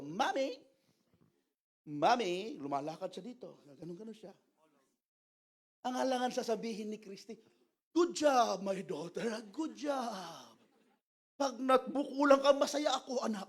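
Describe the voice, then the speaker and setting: Animated high-voiced preaching man. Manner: animated preaching mixing Tagalog and English, acting out quoted voices. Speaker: pastor. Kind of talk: sermon. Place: church.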